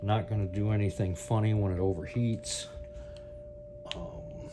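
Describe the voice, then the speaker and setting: This man has a fairly low voice and speaks a little slowly as he hosts a product review video, demonstrating the item casually and without a script, rambling and thinking aloud. The recording is clear but carries a steady hum and background noise.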